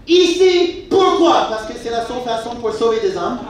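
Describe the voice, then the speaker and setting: High-voiced American-accented preacher, echoey hall. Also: male voice, fairly even intonation, fast talker, a little hiss or hum. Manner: emphatic, rising to shouts. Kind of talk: sermon. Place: church hall with a congregation. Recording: echoey church hall, distant mic, audience.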